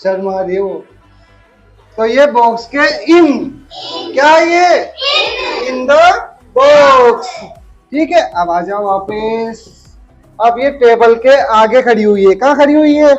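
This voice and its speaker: A woman's voice: on the high side, animated, dull audio, soft background music. A woman teaching a grammar lesson to young children, drawing out words and asking the class questions. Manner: slow, drawn-out teacherly calls and questions to the class.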